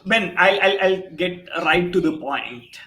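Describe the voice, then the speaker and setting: A man in his forties with a somewhat high voice hosts a live product show over a video call. He sounds enthusiastic, stumbling through fillers and restarts as he introduces his guest. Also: animated, slow pace, pushed and bright, poor audio. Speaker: host. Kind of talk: livestream product show hosting.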